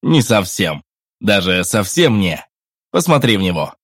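A man's voice: on the low side, very animated, unhurried, husky, no room sound, studio quality, full character voice. A man voicing an eager adventurer. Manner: enthusiastic, pleading. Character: eager adult male adventurer-trader. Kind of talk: audiobook reading.

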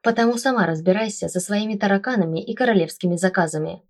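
A woman voicing a cheeky undead male secretary who yells and drawls sulkily in a storybook reading. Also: medium pitch, quick pace, close to an everyday voice. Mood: sulky. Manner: shouting, sulky drawl.

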